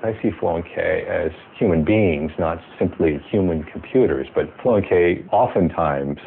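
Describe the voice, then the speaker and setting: A man with a very deep, gravelly voice talks in a relaxed, conversational way in an interview. He sounds a little distant from the mic. The audio is tinny and phone-like, with faint noise behind. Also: normal speed. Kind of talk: interview commentary.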